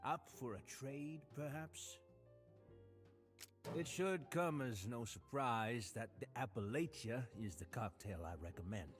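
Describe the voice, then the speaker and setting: A man's voice: mid-range voice, animated, a little slow, soft background music, close to an everyday voice. A man voicing a suave, courteous hotel bartender in a video game who oddly collects ears, speaking in a polite, genteel manner. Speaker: game character.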